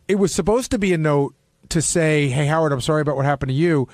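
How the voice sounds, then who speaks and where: A fast-talking man with a fairly high but darkish-toned voice, heard in a dry, clean studio recording. As a radio panelist and staffer, he airs his opinions bluntly and casually, with plenty of swearing.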